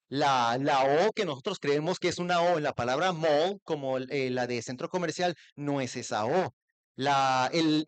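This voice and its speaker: Lively Mexican man lecturing a hall. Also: fairly high pitch. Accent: Mexican Spanish. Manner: lively, asks the audience to repeat sounds. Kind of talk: interactive university talk. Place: university theater.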